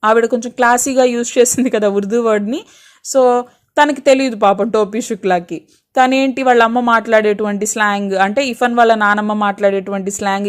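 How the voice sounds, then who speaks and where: A woman teacher explaining a textbook lesson to students. She reads a passage aloud, then explains it patiently, asking questions and answering them herself. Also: a little high. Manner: patient, asks and answers her own questions.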